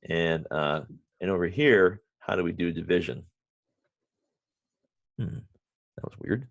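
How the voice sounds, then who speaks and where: A man teaching a university math class remotely, halting often with restarts and fillers, and dropping wry, self-mocking asides. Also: low voice, no room sound, dull audio. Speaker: math professor.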